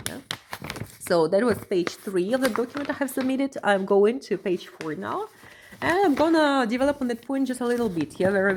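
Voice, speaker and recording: Earnest woman with a fairly high voice. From Russia. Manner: earnest, ends phrases with a questioning "yeah?"; repeats and restarts phrases. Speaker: vlogger, asylum seeker. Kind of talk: reading a document aloud with commentary.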